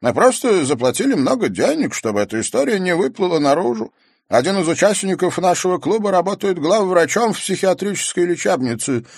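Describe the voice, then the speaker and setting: Storybook club elder, male, ingratiating, voice pushed up high and lively, read by a man. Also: breathy edge, no room sound, clean studio sound, heavily acted. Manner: coaxing, ingratiating. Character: older male secret-club elder, smooth and persuasive. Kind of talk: audiobook character voice.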